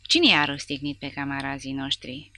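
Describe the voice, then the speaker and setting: A harsh, sneering male soldier hurls threats at his prisoners, as a woman reads him in an audiobook. The voice is gravelly and low, with a bright edge. The sound is close and completely dry. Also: dry recording, heavily acted. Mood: menacing. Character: brutal mocking male soldier interrogator.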